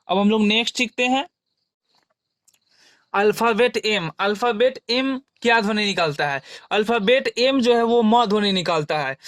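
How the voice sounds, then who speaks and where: High-voiced man teaching. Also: a bit bright, no room sound, studio quality. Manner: repeats questions and answers them himself; spells out example words slowly. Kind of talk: classroom-style explanation.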